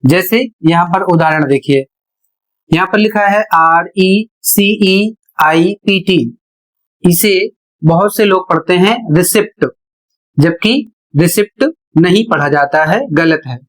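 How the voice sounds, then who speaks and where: A man teaching a pronunciation lesson, spelling words out letter by letter in a deliberate way. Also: sits high.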